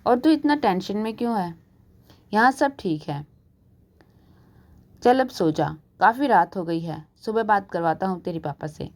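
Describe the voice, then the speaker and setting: A woman doing a calm, caring elder brother. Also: mid-range voice, a little slow, pauses often. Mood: concerned.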